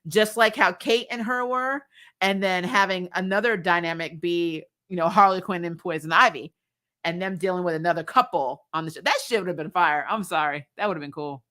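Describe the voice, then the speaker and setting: On her fan recap show, a woman chats about TV in a blunt, casual livestream style, loosely phrased and with some cursing. Her voice is fairly low yet bright and forceful, and she speaks fairly quickly.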